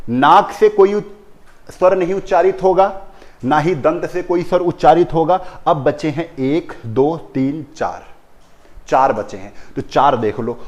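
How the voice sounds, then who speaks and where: A man with a fairly high-pitched, darkish voice teaches a Hindi grammar lesson focused on pronunciation. He repeats the key terms and keeps asking the children questions.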